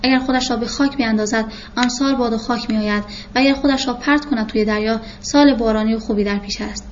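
A woman's voice: on the high side, fairly even intonation, lightly acted. A woman voicing a talkative middle-aged male doctor who courts a young girl, in a muffled recording with faint hiss. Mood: storytelling. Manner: talkative, storytelling.

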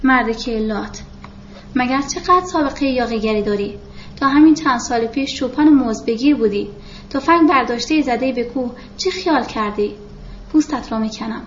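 A woman's voice: on the high side, slight background noise, natural voice. Audiobook colonel: proud, hot-tempered man, scornful and menacing, read by a woman, dull lo-fi sound. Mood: threatening. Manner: scornful, threatening. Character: haughty quick-tempered male army colonel. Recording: roomy, dull lo-fi recording.

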